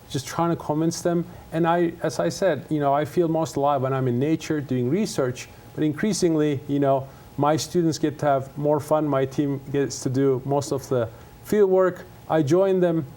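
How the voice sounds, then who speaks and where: A middle-aged man from Turkey, Turkish his first language, speaks earnestly as a guest in a TV studio interview. His voice sits a little high for a man, and he often pauses on fillers and restarts his sentences. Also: dark tone. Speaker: guest, conservation scientist. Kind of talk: casual interview talk.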